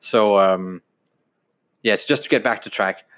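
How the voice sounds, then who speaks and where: A man in his twenties from Denmark, telling stories in a relaxed, casual podcast chat with some restarts. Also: fairly low pitch, a little slow. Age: 20s. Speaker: podcast co-host.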